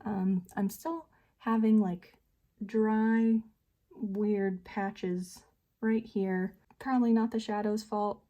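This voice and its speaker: A woman's voice: medium pitch, fairly even intonation, takes it slowly, warm tone. Chatty, laughing young woman vlogger. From United States. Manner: chatty, self-deprecating, laughs often. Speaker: beauty vlogger. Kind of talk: casual chatty storytelling while doing makeup.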